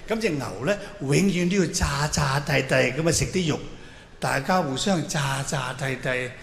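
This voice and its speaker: Speaking at a moderate pace over soft background music, a male stand-up comedian with a higher-pitched voice performs a theatrical monologue full of mock-earnest advice. The recording carries the long reverb of an echoey hall, along with clearly audible noise.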